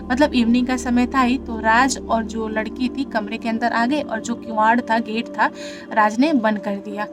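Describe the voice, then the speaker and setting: A woman's voice: fairly high pitch, steady tone, moderate pace. A woman narrating a horror story in a conversational way, talking straight to her listeners. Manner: conversational retelling, addresses listeners as friends. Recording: music bed behind the voice.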